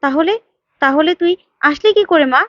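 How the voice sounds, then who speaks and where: A woman's voice: high voice, normal speed, fairly bright tone, no echo, muffled recording. A woman voicing an evasive young woman reassuring her parents. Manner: evasive, soothing.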